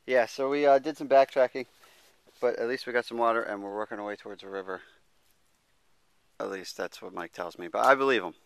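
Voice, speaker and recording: A man's voice: medium pitch, fairly quick, long pauses, fairly bright tone. A young man narrating a hiking trip outdoors in an easygoing, joking way into a handheld camera. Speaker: hiker filming a trip. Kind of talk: casual vlog narration. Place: outdoors on a mountain trail.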